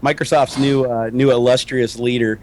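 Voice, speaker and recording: A man co-hosting a casual tech show, talking in a loose, joking way with casual swearing, his mic clipping and distorting from the gain being set too high. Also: little pitch movement, normal speed, a little mellow, slight background noise. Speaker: co-host. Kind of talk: casual tech podcast chat.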